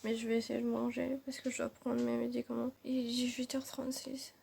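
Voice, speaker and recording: A woman's voice: fairly high pitch, little pitch movement, a little fast, gravelly, warm tone, breathy edge. Whispering, anxious young woman. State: anxious, unable to sleep. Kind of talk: whispered personal vlog.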